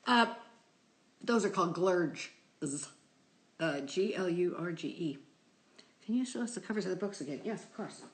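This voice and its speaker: Streaming live from home on her phone, a middle-aged woman playfully reads odd words from a book and chats. Her voice is expressive and a little slow, with long pauses, and she drifts into soft whispers and high exclamations.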